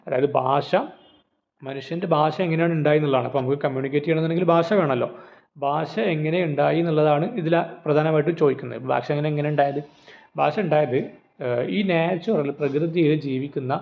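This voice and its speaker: A man teaching an exam-prep lecture, explaining with rhetorical questions and everyday examples. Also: mid-range voice. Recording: phone-like narrow audio.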